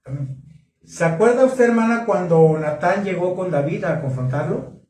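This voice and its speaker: Animated preacher, high voice. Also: male voice, moderate pace, a little hiss or hum. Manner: animated, asks the congregation questions. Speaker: pastor. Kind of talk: sermon at a marriage conference. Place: church hall. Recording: echoey hall, mic from a distance.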